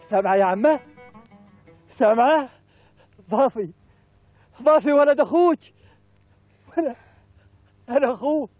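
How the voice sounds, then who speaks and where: Passionate Bedouin brother, high voice, Bedouin Arabic, declamatory TV-drama delivery, muffled phone-like sound. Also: male voice, lively intonation, moderate pace, long pauses, dry recording. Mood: overwhelmed joy. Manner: emotional, declamatory, repeating phrases. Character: passionate Bedouin man devoted to his newfound brother. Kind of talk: Bedouin television drama acting. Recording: muffled, phone-like, faint music.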